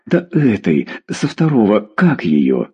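A man reading a story aloud, voicing a stern, gruff middle-aged father. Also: fairly low pitch, huge pitch swings, takes it slowly, darkish tone, highs cut off, heavily acted. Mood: urgent. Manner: gruff, curt.

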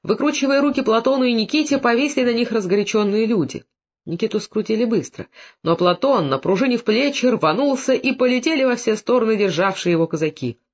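A male narrator reads a novel with dramatic, animated storytelling. His voice sits high and swings widely, and the recording sounds dull and lo-fi. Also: fairly quick. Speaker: audiobook narrator. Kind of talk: expressive literary narration.

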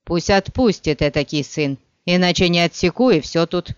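A man voicing a grim, gruff male executioner in an audiobook, speaking slowly and heavily, in a slightly dull, dry recording. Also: high voice, no room sound, close to an everyday voice. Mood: stubborn. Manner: slow, heavy, sullen delivery.

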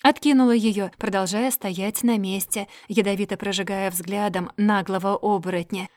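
A woman narrates a fantasy novel with an even, expressive delivery. Her voice sits mid-range, and the recording is dry and close with no room sound. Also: mid-range voice, moderate pace, dry recording. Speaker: audiobook narrator. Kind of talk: reading a fantasy novel aloud.

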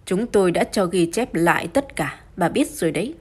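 A cool, stern police inspector presses his questions without hurry in an audiobook mystery, read by a woman. Her voice stays low and husky. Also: animated. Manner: cool and unhurried. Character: calm stern police inspector, man, dry.

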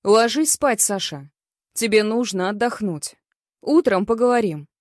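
A woman's voice: medium pitch, lively intonation, measured pace, dry recording, studio quality, lightly acted. A woman voicing an angry young man who swears and snaps in short bursts in a story reading. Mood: restrained. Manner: curt, swearing outbursts. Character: angry young man, blunt and hot-tempered.

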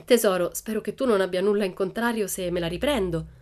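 A woman voicing a cheeky, fearless little girl who talks calmly and teases playfully. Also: mid-range voice, quick pace, voice pushed up, lightly acted. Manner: calm, matter-of-fact, playfully teasing.

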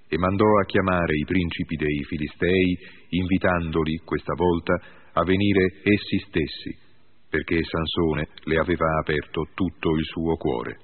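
A man narrating a scripture reading in a steady, solemn manner, with a husky voice. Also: deep voice. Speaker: Bible reader. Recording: tinny phone-like audio.

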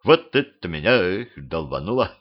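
Man doing gruff grumpy old watchman. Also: sits low, big pitch swings, normal speed, muffled recording, pitched below the performer's own voice. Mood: grumbling. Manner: gruff, threatening.

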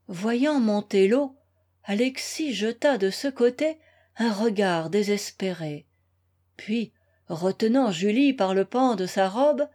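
Slow, measured French woman reader. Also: mid-range voice. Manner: measured, expressive reading. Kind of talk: literary audiobook narration.

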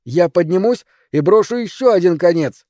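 A man's voice: high-pitched, expressive, normal speed, warm tone, no room sound, clean studio sound, pitched above the performer's own voice. A man voicing a bold, headstrong young woman. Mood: insistent. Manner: raised, insistent.

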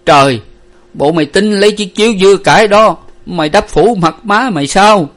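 A man's voice: on the high side, moderate pace, pitched above the performer's own voice. A man doing a choked, grieving old father. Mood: frantic lament. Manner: choked, lamenting, rambling. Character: grief-stricken older father, dazed and lamenting.

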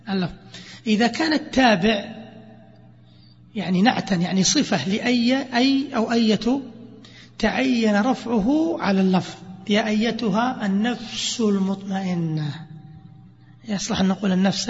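Male grammar teacher, high voice, quizzes the class, lo-fi hall recording. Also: normal speed, long pauses. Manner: lively, quizzes students with questions. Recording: dull lo-fi recording with hall reverb.

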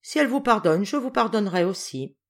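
A woman reading an audiobook who voices a stubborn, proud little boy in a shrill, defiant tone. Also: animated, a little fast.

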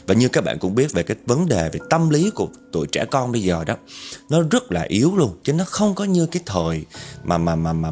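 A man's voice: on the low side, darkish tone. A man narrating a ghost story, chatty and addressing listeners directly.

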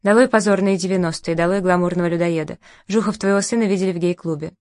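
A woman's voice: lowish voice, steady tone, fast, a little mellow, no echo, natural voice. A woman reading an audiobook, voicing a brash young man who jeers and heckles rudely, in a dry recording. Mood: jeering. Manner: jeering, rude.

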